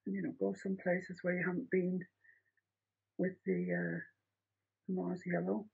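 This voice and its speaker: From her indoor home art studio, a middle-aged woman teaches a painting tutorial in a chatty, rambling, practical way. Her lowish voice is gravelly, husky and darkish, a little slow and completely flat in delivery, on a muffled lo-fi home recording.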